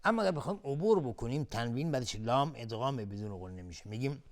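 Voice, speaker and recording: A man with a Persian accent gives a recitation lesson at an average pitch. He explains each rule in a level, matter-of-fact voice, then stretches out the verse examples slowly and more loudly. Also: lively intonation. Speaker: Quran recitation teacher. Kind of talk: tajwid lesson with chanted recitation.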